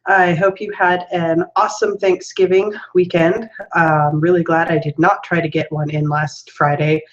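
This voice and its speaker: A young woman with a cold and a stuffed-up nose talks loosely to her webcam, pausing on fillers and restarting her sentences. Her voice sits low, and the home webcam audio is a little dull and muffled. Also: level tone. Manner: rambling, with many fillers and restarts. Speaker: spiritual coach hosting a weekly show. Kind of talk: casual spoken vlog.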